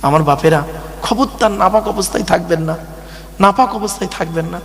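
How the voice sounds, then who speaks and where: A man's voice: high voice, a little fast, creaky. A man preaching an emotional sermon, telling a story dramatically and asking the audience rhetorical questions. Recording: echoey hall with faint hum.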